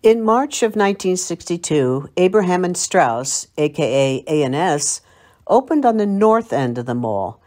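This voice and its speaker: Narrating scripted local history for a library, this older Long Island woman speaks with an American accent at a measured pace. Her fairly low, slightly mellow voice swings widely in pitch as she reminisces like a storyteller.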